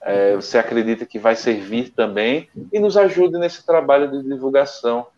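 A man co-hosting an online talk from home, telling a story in a relaxed, rambling way with many restarts. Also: mid-range voice, moderate pace. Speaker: co-host of an online study show. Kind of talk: casual storytelling and sign-off. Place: his home. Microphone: internet call. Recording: dull, lo-fi internet call audio.

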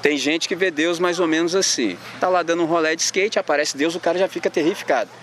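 A man's voice: fairly high pitch, quick pace, fairly bright tone, slight background noise. A man with a Brazilian accent preaching to young people in slangy everyday talk, acting out little scenes as he goes. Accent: Brazilian Portuguese. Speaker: youth preacher. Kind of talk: informal sermon to young people.

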